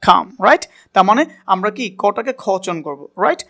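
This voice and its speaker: A man's voice: sits high, big pitch swings, fast, fairly bright tone. A man teaching a spoken English class, asking a student to repeat words and correcting how they are said. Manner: coaching pronunciation, asks and repeats words.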